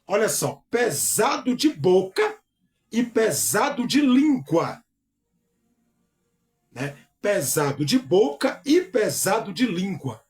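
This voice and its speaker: A male pastor teaching a Bible lesson who reads verses aloud, calls out each punctuation mark, and repeats phrases to explain them. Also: sits high. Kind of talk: bible study sermon.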